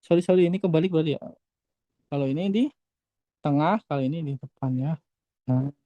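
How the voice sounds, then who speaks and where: A woman's voice: deep voice, fairly quick, muffled recording. A woman teaching a language class online in a casual way, often repeating herself and correcting herself mid-sentence. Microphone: video call.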